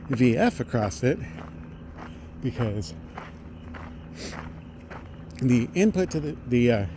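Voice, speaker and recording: A middle-aged man thinks aloud in a halting technical monologue while walking outdoors along a road. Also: medium pitch, a little mellow. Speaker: vlogger. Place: outdoors on a residential roadside. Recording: outdoor street noise, passing vehicles.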